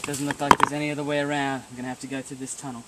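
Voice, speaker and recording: A man's voice: mid-range voice, level tone, rapid-fire, close to an everyday voice. A young man playing an earnest wilderness survival host in a comedy skit, outdoors. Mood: mock-serious. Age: young adult. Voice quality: mock-serious documentary narration. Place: outdoors in woods. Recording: noisy outdoor camcorder audio.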